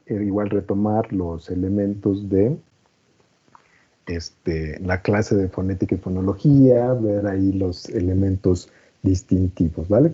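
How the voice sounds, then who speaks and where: A low-pitched, warm, slightly rough male voice belongs to a teacher patiently explaining to a class. He checks often that students are keeping up, using "¿no?" and "¿vale?", and the recording sounds muffled and lo-fi.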